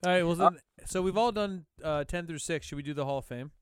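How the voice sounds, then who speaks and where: A man's voice: fairly high pitch, fast, clean tone, dry recording, clean studio sound. A man hosting a casual podcast chat from home, laid-back, swearing casually and laughing often. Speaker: podcast host and band member. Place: home, over a video call.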